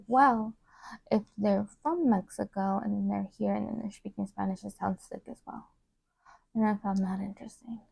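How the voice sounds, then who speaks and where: Soft-spoken rambling woman vlogger, gravelly. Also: mid-range voice, no echo. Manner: rambling, many fillers, trails off softly. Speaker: beauty vlogger. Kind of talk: casual get-ready-with-me chat.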